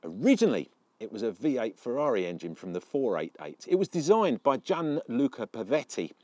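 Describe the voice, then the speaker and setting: A man's voice: medium pitch, sing-song, a little fast, a little mellow, no room sound. A man presenting a casual car review walkaround outdoors beside a car, chatty and storytelling, often asking the viewer questions.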